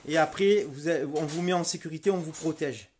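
A man's voice: fairly high pitch, brisk, a little hiss or hum. A middle-aged man, a volunteer street medic, telling what happened to him in a heated, repetitive first-person testimony. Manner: starts subdued, grows loud and furious, repeats himself.

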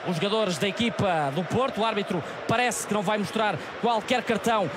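A man with a European Portuguese accent giving fast, dramatic, urgent football play-by-play commentary in a projected voice close to shouting. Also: high voice. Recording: clear background stadium noise.

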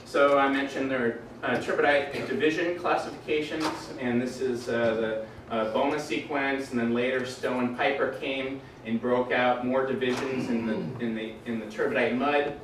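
A man giving an academic presentation in a lecture room, relaxed, with dry jokes and many "uh" fillers. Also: mid-range voice, normal speed, hardly any pauses, noisy background. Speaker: doctoral candidate presenting his defense. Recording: echoey room, voice from far off.

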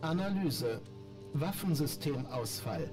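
An actor voicing a malfunctioning male robot companion that reports system errors in clipped, flat phrases, with game music behind. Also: fairly high pitch, slow. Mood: mechanical. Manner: clipped, flat machine reports in single words. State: glitching, malfunctioning. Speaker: game character.

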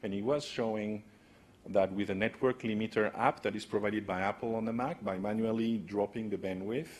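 Standing at a podium mic in a big conference room, a fortysomething man gives a technical presentation at a fairly quick clip. His pitch sits fairly low and his intonation stays fairly even, while his explanations are relaxed and peppered with "right?".

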